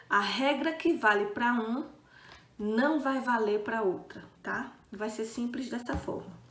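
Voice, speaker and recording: A woman's voice: mid-range voice, roomy sound. A woman teacher giving a recorded video lesson, patient and checking in often with her students.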